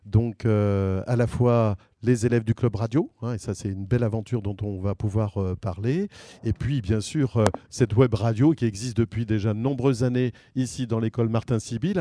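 A man's voice: mid-range voice, dark tone, no room sound, clean studio sound. A man hosting a school web radio show, speaking hesitantly with many fillers and restarts.

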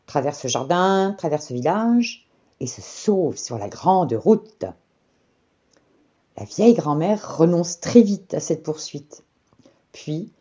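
Woman storyteller, slow lively delivery, dark tone, dull lo-fi recording. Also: fairly low pitch. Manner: expressive, measured. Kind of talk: children's story reading.

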